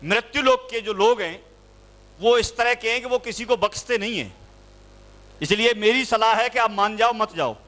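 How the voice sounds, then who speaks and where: This is a calm divine husband who counsels his wife gently, quoted by a man as he tells a story. His voice sits very high and sounds bright and forceful. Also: moderate pace. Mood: advising.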